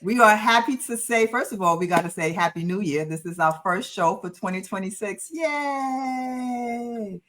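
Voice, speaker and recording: A woman's voice: fairly low pitch, a little fast, hardly any pauses, a bit bright. A woman from Harlem with a New York accent, co-hosting a podcast in casual, playful banter and repeating phrases for effect. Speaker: podcast co-host.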